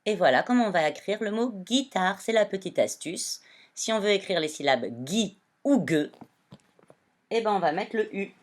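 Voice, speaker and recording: A woman primary school teacher giving a reading lesson to young children, speaking slowly and clearly as she addresses them. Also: mid-range voice, animated.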